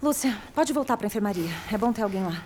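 An actress playing a young, tired but firm doctor who calmly gives orders and pleads with her mother. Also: medium pitch, quick pace, a little hiss or hum, lightly acted. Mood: tender, weary. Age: young adult. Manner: calma e firme, às vezes suplicante. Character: jovem médica cansada, firme e paciente. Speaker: doctor and narrator.

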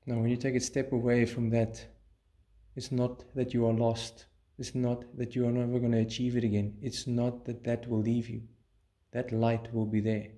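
A man leading a guided meditation in a calm, soothing, measured way, pausing between short phrases. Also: mid-range voice.

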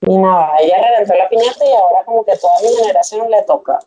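A young woman with a Venezuelan accent, a podcast guest, telling her story in a casual, animated way and acting out the voices of the people in it. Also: medium pitch, quick pace, slight background noise, poor audio. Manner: animated, acts out quoted voices.

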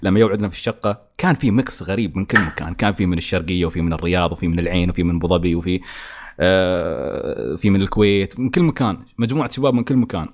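Fast-talking Emirati man, joking. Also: deep voice. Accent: Emirati Gulf Arabic. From UAE, Al Ain. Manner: joking, teasing, laughs often. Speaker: podcast host. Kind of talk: casual podcast chat.

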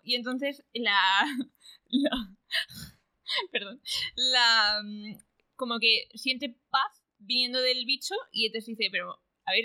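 Bright-voiced woman recapping a book. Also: fairly high pitch, clean tone, no room sound, rough recording. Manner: retells the plot with acted quotes and laughter. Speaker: podcast co-host. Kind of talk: casual book-club chat.

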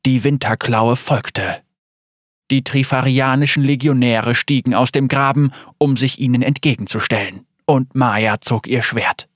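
A man narrating a dramatic story in a measured, scripted reading. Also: mid-range voice, steady tone, no room sound, studio quality.

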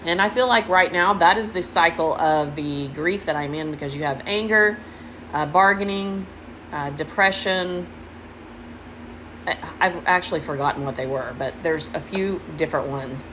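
A woman's voice: low voice, moderate pace, fairly bright tone. A middle-aged woman hosting a podcast as a casual, candid, rambling personal monologue, recorded in a room with fans running. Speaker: podcast host. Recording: noisy, window units and fans humming.

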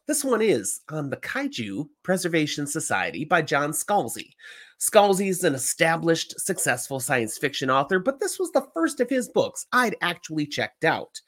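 Male podcast host, slightly congested with a cold, chatty and emphatic, highly varied intonation for enthusiastic book talk. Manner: informal, emphatic, animated. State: getting over a cold.

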